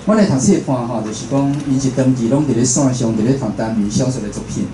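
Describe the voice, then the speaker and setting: A radio host and programme producer with a Taiwanese accent gives an informal, chatty talk to a seated audience indoors, often ending phrases with a small confirming tag. His voice is medium in pitch and fast. The recording has a roomy echo and faint background noise.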